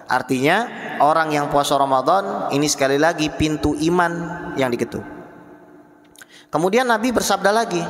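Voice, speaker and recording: A man's voice: on the high side, a bit bright. A man giving a religious lecture, asking the audience questions and answering them himself. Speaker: Islamic preacher. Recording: echoey hall reverb.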